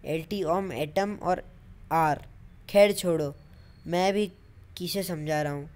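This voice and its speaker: Woman as cocky male comic superhero, lecturing, short-fused, low-set voice, comic voice-over dub. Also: takes it slowly, darkish tone. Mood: boastful. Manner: exasperated, lecturing, hot-tempered. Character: brash young male superhero, bossy and boastful.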